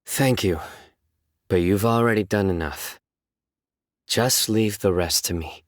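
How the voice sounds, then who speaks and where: An actor playing a stern, resolute young enforcer of justice in a video game, solemn, measured and terse. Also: male voice, fairly low pitch, dry recording, clean studio sound. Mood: grim resolve.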